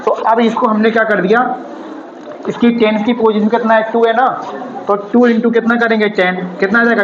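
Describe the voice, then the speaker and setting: A high-pitched man teaching a maths class in a classroom. He explains step by step, repeats his points and keeps asking the class questions that he answers himself. The room is echoey and the recording sounds dull, with faint noise behind him. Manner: slow and repetitive explaining. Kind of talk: classroom lesson.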